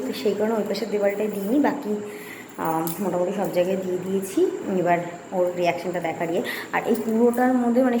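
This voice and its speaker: A young woman talks through her day in a loose, rambling vlog chat. She is recorded indoors at home in a room with a clear echo. Steady household noise runs behind her voice. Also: medium pitch. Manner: chatty, rambling running commentary. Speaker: lifestyle vlogger. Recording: echoey room with background noise.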